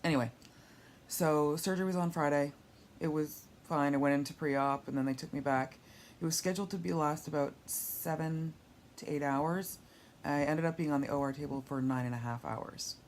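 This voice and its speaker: Lying down with a tablet held overhead, a woman records a casual video diary at home while recovering from surgery, weak and sore. Her low, steady, slightly mellow voice goes at a normal speed as she rambles candidly and wryly, over slight background noise.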